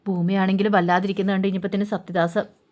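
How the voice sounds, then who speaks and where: A woman's voice: mid-range voice, little pitch movement, fast talker, darkish tone. A woman storyteller casually retelling a TV serial episode in a colloquial way, with little humming fillers.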